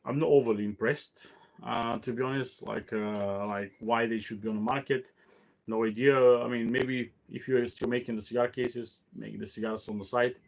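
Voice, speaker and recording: Halting, tired man hosting a cigar show. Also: medium pitch, fairly even intonation, gravelly. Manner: halting, many fillers and restarts. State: tired, yawning. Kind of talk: casual solo talk show.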